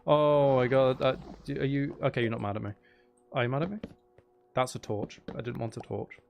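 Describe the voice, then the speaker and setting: A man streams video games with animated, casual live commentary full of exclamations and mock complaints. He talks fairly quickly in a mid-range voice with vocal fry, and the audio is dull with a noisy background.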